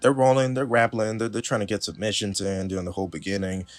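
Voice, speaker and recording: A man's voice: fairly low pitch, little pitch movement, fast talker, no echo, soft background music. A man casually recapping a wrestling show, chatty and laughing, with lots of fillers.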